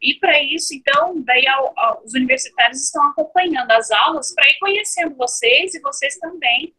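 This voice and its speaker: A woman's voice: high-pitched, a little fast, pushed and bright, poor audio. A Brazilian woman teacher on a video call, explaining to the class with hesitant fillers. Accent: Brazilian Portuguese. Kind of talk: online class announcement.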